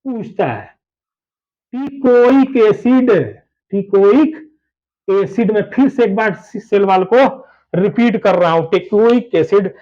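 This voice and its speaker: A man's voice: sits high, darkish tone. A man teaching biology who repeats his key points and keeps urging his students to listen closely. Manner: repetitive, calls students "babu", urges them to listen closely. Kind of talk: explaining a lesson at a whiteboard. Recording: dull lo-fi recording.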